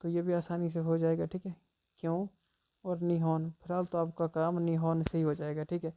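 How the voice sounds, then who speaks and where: A man's voice: fairly high pitch, monotone, normal speed, warm tone, slight background noise. A man teaching memory tricks for exam prep in a chatty, informal way, tacking "theek hai" onto almost every line. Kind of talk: explaining memory tricks to students.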